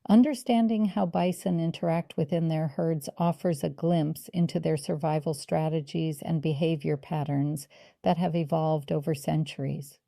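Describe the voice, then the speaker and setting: Woman, nature documentary narrator, slightly low pitch, gravelly creak, measured, polished, scripted. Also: steady tone, dark tone, dry recording, clean studio sound.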